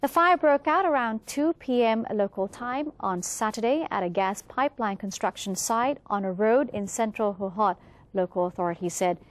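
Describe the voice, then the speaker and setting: A woman news presenter with a Thai accent reads a scripted bulletin. Her voice sits at a medium pitch for a woman, in the style of a newscast. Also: normal speed, no echo.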